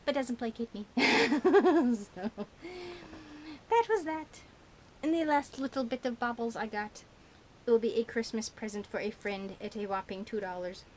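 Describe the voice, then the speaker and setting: A woman's voice: on the high side, expressive, measured pace, slight background noise. A woman vlogger chatting casually about her shopping haul, giggling often and rambling with lots of fillers, her tongue a little burnt. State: burnt tongue, slightly slurred. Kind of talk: casual rambling chat to camera.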